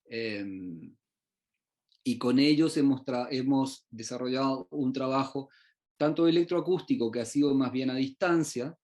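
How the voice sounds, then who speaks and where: A middle-aged researcher, born in Uruguay and raised in Chile, presents his work online in a mid-range, darkish voice. He sounds hesitant, halting often with fillers and restarts.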